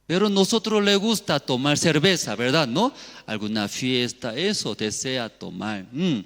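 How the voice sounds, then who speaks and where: A man's voice: mid-range voice, big pitch swings, measured pace, a bit bright, long reverb tail. A male pastor preaching in short, simple phrases full of rhetorical questions, with Korean as his first language. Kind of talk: sermon. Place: church hall.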